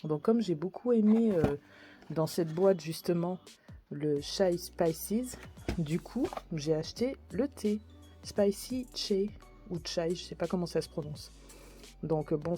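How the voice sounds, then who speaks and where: A woman's voice: lowish voice, normal speed, warm tone, soft background music. A woman chatting casually through a shopping haul video, hesitant with many fillers, apologising for her English pronunciation. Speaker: vlogger.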